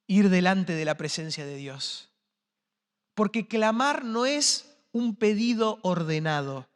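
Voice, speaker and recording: High-voiced preacher in a church. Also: male voice. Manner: impassioned, rising to shouts then dropping to quiet. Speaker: pastor. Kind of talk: sermon. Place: church sanctuary. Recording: long church reverb.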